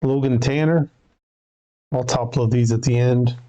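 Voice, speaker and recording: A man's voice: medium pitch, steady tone, a little slow, lo-fi sound, background noise. A man hosting a sports card break, reading out player names and serial numbers and correcting himself as he goes. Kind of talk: live card break commentary.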